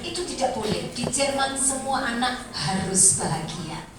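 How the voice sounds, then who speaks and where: A middle-aged woman gives a lively lecture, slipping into acted-out voices as she tells her stories. Her voice sits high. She is recorded from some distance in a strongly echoing hall with a faint hiss behind her. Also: normal speed. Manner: animated storytelling, acts out voices, laughs often. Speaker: kindergarten teacher giving a talk. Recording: echoey room, voice from far off.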